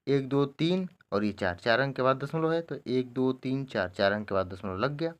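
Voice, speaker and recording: A man teaching a maths lesson, explaining each step slowly and often checking in with his students. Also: medium pitch, lively intonation. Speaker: math teacher.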